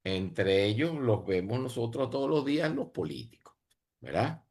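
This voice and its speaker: A man's voice: medium pitch, animated, normal speed, a little mellow. Earnest man answering on a video call. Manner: earnest, repeats and restarts phrases. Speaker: panelist. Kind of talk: reflective answer in an online panel.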